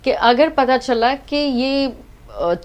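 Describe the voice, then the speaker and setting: A woman's voice: high-pitched, lively intonation, very slow. A woman, a doctor as interview guest, giving earnest advice and mixing Hindi with English phrases.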